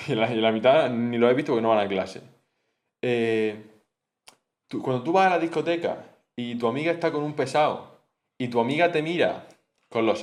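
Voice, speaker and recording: Young guy going over class notes, chatty and rambly, lots of "¿no?", kinda mid-pitched. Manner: chatty, rambling, with frequent fillers and "¿no?" checks. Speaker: student explaining course material. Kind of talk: casual spoken study lesson.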